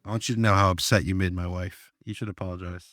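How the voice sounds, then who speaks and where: A man's voice: deep voice, steady tone, quick pace, noisy background. A young man hosting a casual music podcast, making teasing, joking interjections. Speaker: podcast host.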